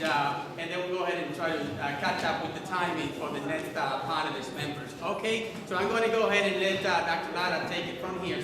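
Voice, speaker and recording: A man organizing a candidate forum, explaining the format in a rambling way with many fillers. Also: on the high side. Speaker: event organizer. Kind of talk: announcing the format. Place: community center hall. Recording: echoey hall, from far off.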